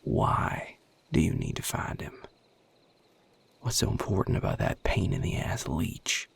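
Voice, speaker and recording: Heavily acted and in a whisper, a man voices a gruff, guarded vampire with a Southern US accent who is defending his territory, speaking a little slowly to the listener in an audio roleplay. His low voice is gravelly, husky and breathy, and his drawl carries curt, sardonic authority with an irritated edge.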